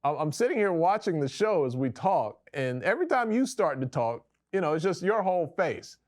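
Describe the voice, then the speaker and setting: A man hosting a casual talk show, joking and bantering in an animated way. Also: fairly high pitch, fairly quick.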